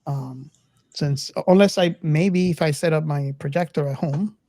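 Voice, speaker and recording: A woman with a low, dark voice hosts a casual film discussion on a podcast, speaking haltingly and often repeating words. The recording is dry and close.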